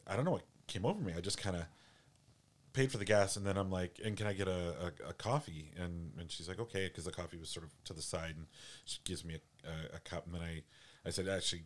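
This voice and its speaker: A man telling a personal story in casual chat, halting and full of restarts. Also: low voice.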